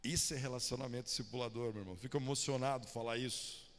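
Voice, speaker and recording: A man's voice: mid-range voice, fairly even intonation, fast talker, a bit bright. A man preaching a sermon, firing questions at the congregation and calling on listeners by name. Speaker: pastor. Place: church hall. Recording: long church hall reverb.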